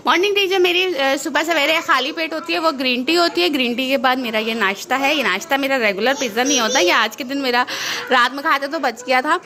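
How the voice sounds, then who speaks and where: A woman's voice: sits high, fast. A young woman and mother chatting casually in a home kitchen vlog, laughing often and mixing English into her Hindi. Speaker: vlogger and mother. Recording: noisy home recording.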